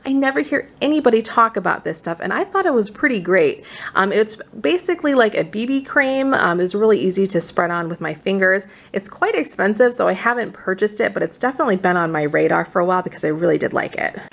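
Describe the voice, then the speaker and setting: A woman's voice: medium pitch, lively intonation, fast talker, creaky. A woman who sounds a little out of breath, chatting casually to camera as a beauty vlogger running through products. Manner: informal, conversational. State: slightly out of breath from pregnancy.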